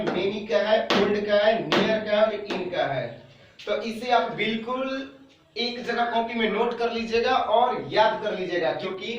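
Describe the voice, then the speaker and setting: High-voiced man teaching grammar. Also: very echoey, far from the mic, highs cut off. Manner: repeats points, asks and answers his own questions. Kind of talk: explaining grammar rules to students.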